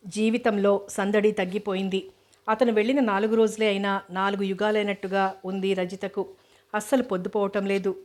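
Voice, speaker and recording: A woman narrating a novel aloud in a measured, even reading style, with occasional small slips. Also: mid-range voice.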